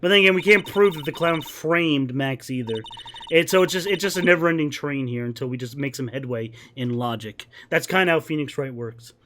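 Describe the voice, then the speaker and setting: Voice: mid-range voice, fairly quick, a bit bright, slight background noise. A streamer giving casual, sardonic, sweary commentary while playing and reading out a video game. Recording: game music behind the voice.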